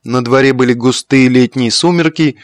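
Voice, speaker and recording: A man reads a classic novel aloud in a steady, measured way, his voice sitting at an ordinary middle pitch. The recording is dry and close, with no room sound. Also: no room sound. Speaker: audiobook narrator. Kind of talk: literary audiobook reading.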